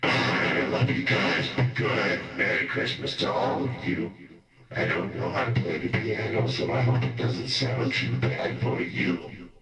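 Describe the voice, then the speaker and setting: A man's voice: on the low side, lively intonation, unhurried, pauses often, sharp tone, roomy sound, soft background music, exaggerated voice, rough recording. A man putting on a robot voice filter as his own rambling alter ego, half-rapping rhymes to his livestream viewers. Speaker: livestream host.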